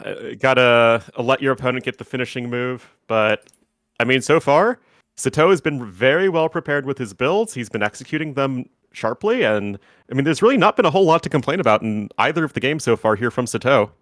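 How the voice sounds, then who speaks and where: Male co-caster, chatty and easygoing, mid-pitched voice, close dry mic. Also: brisk, no room sound. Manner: relaxed, chatty, laughs often. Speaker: tournament co-caster. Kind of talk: casual game commentary.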